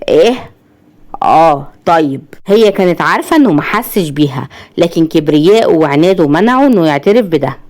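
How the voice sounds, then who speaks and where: A woman with an Egyptian accent reading a dramatic story aloud as a storyteller. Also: on the low side. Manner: quick, lively narration voicing many characters.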